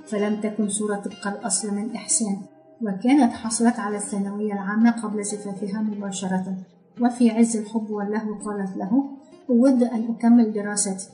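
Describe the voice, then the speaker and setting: A woman reading a literary novel aloud in a measured, even storytelling manner. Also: medium pitch. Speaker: audiobook narrator. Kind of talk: scripted literary narration. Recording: roomy echo, faint background music.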